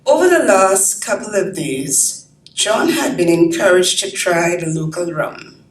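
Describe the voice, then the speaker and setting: A woman reading her own story aloud in a university library, slow and measured, heard from a distance in a roomy hall. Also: lowish voice, lively intonation. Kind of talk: literary reading.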